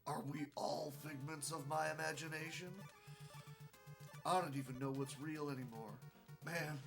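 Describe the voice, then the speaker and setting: A man's voice: a little high, fairly even intonation, normal speed, creaky, music in the background. A tired, yawning man commentating his live speedrun in a casual style, rambling through joking, self-mocking asides.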